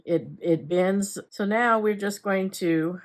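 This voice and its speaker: A woman's voice: mid-range voice, takes it slowly, a little hiss or hum. A woman giving a casual step-by-step crochet tutorial, talking unhurriedly while she works with her hands and adding chatty asides. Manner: chatty asides and self-corrections. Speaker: crochet instructor.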